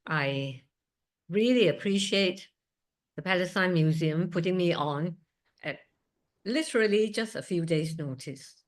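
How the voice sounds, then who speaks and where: A Singaporean surgeon in her sixties gives an earnest talk at a museum event over a video call, dropping in chatty asides. Her voice is lowish and a little slow, with long pauses.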